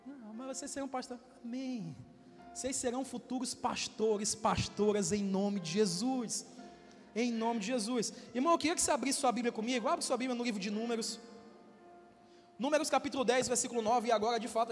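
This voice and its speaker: A Brazilian pastor in his twenties preaching a sermon with loud swells and calls for amens. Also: very high voice, a little fast, big-room sound, faint music behind. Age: 20s. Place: church hall.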